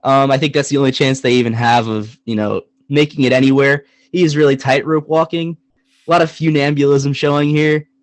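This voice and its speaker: A man's voice: medium pitch, fairly quick, no echo. Young male sports podcast co-host, mid-range voice, playful and emphatic, dry close sound. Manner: animated, joking, emphatic repetition. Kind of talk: casual sports podcast chat.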